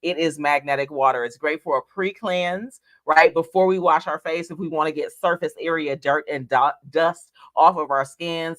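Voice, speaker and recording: A man's voice: a little high, bright, forceful tone, no echo. A man co-hosting an online bingo night as a bingo caller, with casual, chatty product talk. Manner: bingo caller drawing out the numbers.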